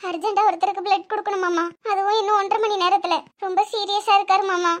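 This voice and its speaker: A woman plays an anxious young cartoon wife whose voice sits extremely high and thin. She pleads in a fast, worried Tirunelveli Tamil accent, pressing for help. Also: level tone. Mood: urgent pleading. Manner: pleading, urgent. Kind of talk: cartoon voice acting.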